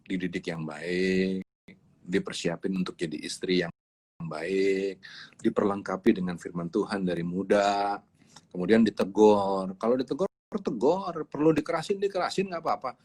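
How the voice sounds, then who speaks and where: A man's voice: low-pitched, normal speed, a little mellow, breathy edge. A man preaching in a livestreamed sermon, speaking emphatically and repeating his key words. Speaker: pastor.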